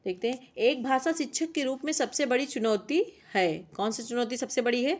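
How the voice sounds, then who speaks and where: A young woman teaching a class on language teaching, reading out lists of points in a steady classroom manner. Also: on the high side, moderate pace. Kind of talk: exam-prep lecture reading out points.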